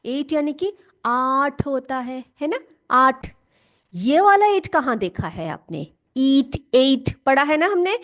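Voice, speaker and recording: High-voiced patient woman teacher. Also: sing-song, slow pace. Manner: patient, repeats key words and asks questions; calls students "beta" warmly. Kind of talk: classroom lesson.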